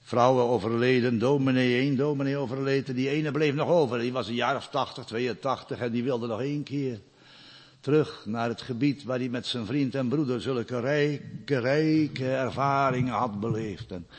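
A man preaching a sermon, growing loud and emphatic when he recites scripture and dropping to quiet storytelling asides. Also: mid-range voice, moderate pace, big-room sound.

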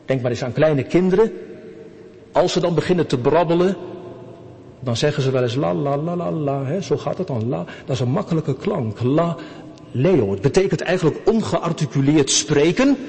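Pastor guy preaching, voice swings up and down a lot, kinda high, church echo. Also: fairly quick. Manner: lively preaching with rhetorical questions to the congregation. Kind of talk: sermon. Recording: long reverb of a church hall.

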